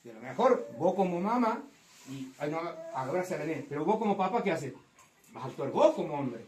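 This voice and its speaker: A woman preaching a fervent sermon to a congregation, rising to loud emphatic passages. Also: low voice, sing-song, fairly quick, slight background noise. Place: church hall. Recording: echoey hall from far off.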